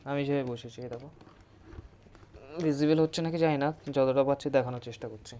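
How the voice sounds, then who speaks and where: A motovlogger with a West Bengal Bengali accent talks fast in a steady, dark, medium-pitched voice as he reviews a product hands-on, with a little hiss or hum in the audio. He keeps it informal and instructive, mixing English into his Bengali and often checking "okay?".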